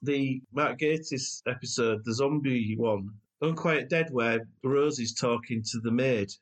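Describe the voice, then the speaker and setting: A man's voice: medium pitch, a little slow, poor audio. A man co-hosting a casual podcast chat, enthusiastic and full of trivia. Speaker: podcast co-host.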